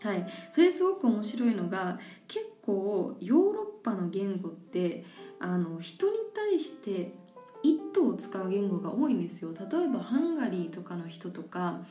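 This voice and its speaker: A woman hosts a relaxed radio talk, explaining her points through example after example and laughing easily. Her voice is mellow and dark-toned. The studio sounds roomy, with a soft guitar playing faintly behind her. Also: mid-range voice, moderate pace. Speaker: radio host. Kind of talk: casual radio talk about languages. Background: faint guitar music.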